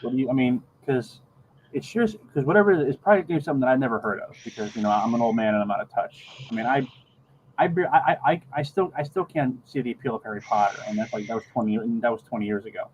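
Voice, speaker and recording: A middle-aged man chatting casually on a video call, rambling and halting, often repeating words as he gathers his thought. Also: medium pitch. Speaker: podcast co-host. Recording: dull lo-fi video call, faint background noise.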